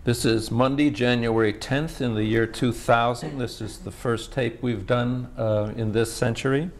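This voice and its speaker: A man conducting an oral history interview, asking questions in a formal, measured way. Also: mid-range voice, fairly even intonation.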